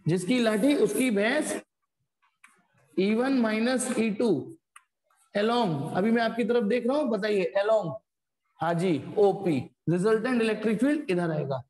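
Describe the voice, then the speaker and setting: A man with a high, somewhat dark voice speaks at an unhurried pace while teaching an online physics class. He explains things step by step but stops now and then to scold his students bluntly. The recording was made in an echoey room with a long reverb tail.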